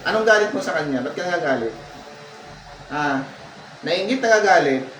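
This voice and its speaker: A high-voiced man acts as a folk healer, issuing repeated commands and pressing questions between murmured incantations. He sits at some distance from the mic, so his voice sounds roomy, with faint noise behind it. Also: lively intonation, moderate pace, fairly bright tone. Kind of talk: healing ritual with chanted prayers and questioning.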